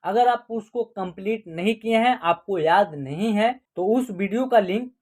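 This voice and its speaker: A woman's voice: medium pitch, normal speed, darkish tone. A woman teaching an online class, explaining step by step and asking questions that she then answers herself.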